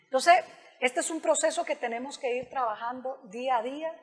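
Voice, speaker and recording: A woman guest who is a communication specialist, explaining in an animated interview and speaking directly and informally to the host. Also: high voice, brisk, breathy edge, big-room sound. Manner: animated, acts out example dialogues in other voices.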